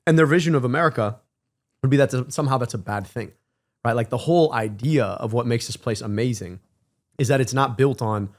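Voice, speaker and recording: A man in his thirties from Michigan, giving animated casual commentary on a clip and repeating words as he gets going. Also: mid-range voice, brisk. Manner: animated, emphatic, repeats words when excited. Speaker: stream co-host reacting to clips.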